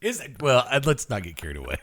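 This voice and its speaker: A man's voice: medium pitch, sing-song, quick pace, fairly bright tone, slight background noise. A man co-hosting a casual podcast chat, tossing in dry one-liners and wry teasing. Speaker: podcast co-host.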